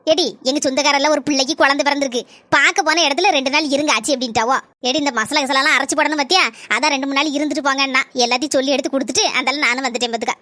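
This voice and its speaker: A woman's voice: sits high, fairly even intonation, racing, pushed and bright, dry recording, pitched below the performer's own voice. A woman with a Kanyakumari Tamil accent voicing a chatty, gossiping village grandmother in a cartoon, in a chattering, scolding manner.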